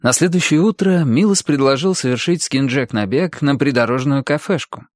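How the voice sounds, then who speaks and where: A man reading a novel aloud as an audiobook, with an expressive delivery. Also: medium pitch, normal speed, no echo, clean studio sound. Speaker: audiobook narrator. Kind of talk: scripted audiobook narration.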